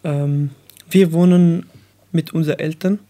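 A nineteen-year-old man from Afghanistan, a radio guest, speaking slowly and searching for words with many fillers. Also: a little high, fairly even intonation, warm tone. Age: young adult. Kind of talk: radio interview.

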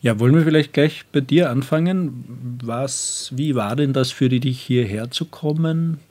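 A man with a medium-pitched, darkish voice, speaking a little slowly, hosts a community radio show for young people. In this radio interview he asks friendly, encouraging questions.

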